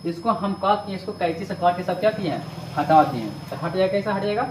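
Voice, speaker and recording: A man's voice: high voice, brisk. A male maths teacher, teaching a class in a lecture that asks questions and repeats the answers. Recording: echoey room, mic far off, faint noise.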